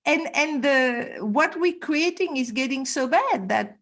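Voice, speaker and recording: A woman's voice: high-pitched, lively intonation, a little slow, fairly bright tone. A woman spiritual teacher talking earnestly on a video call, stressing points by repeating words. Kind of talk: conversational interview on a call.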